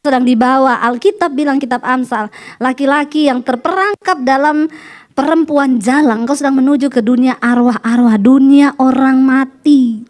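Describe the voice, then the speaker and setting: A woman pastor delivering a sermon in a high-pitched voice. She preaches with dramatic storytelling and acts out the voices she quotes. She drives her points home with forceful, punchy emphasis. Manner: forceful, punchy exhortation with sudden slow emphasis.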